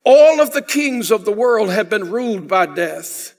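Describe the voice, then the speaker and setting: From a church pulpit, an older male pastor delivers a sermon in a high-pitched, creaky, expressive voice at a measured pace. His preaching is emphatic, growing louder and pressing hard whenever he reaches key phrases.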